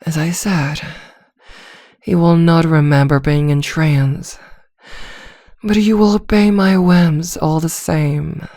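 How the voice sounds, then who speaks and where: A woman's low, fairly evenly intoned voice brings a seductive, dominant vampire hypnotist to life in an ASMR roleplay, soft, deliberate, and teasingly commanding with a hypnotic mood. The studio-quality recording has no echo.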